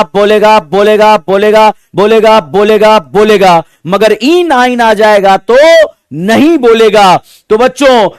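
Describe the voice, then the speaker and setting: Male chemistry tutor, high voice, dry close sound, quizzes the class nonstop and repeats answers back, rhymes to make facts stick. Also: no echo. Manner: drills students with call-and-response questions and repetition; coins catchy rhyming mnemonics. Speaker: chemistry teacher. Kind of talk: exam-prep chemistry lecture.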